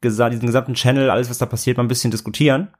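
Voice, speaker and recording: A man's voice: mid-range voice, steady tone, racing. A man co-hosting a casual podcast, retelling events at length with frequent restarts. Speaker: podcast co-host. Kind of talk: casual chat.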